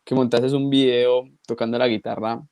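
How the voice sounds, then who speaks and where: A man hosting an interview in a relaxed, slangy way. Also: mid-range voice, moderate pace, clean tone, dry recording. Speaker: podcast host. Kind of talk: casual interview chat.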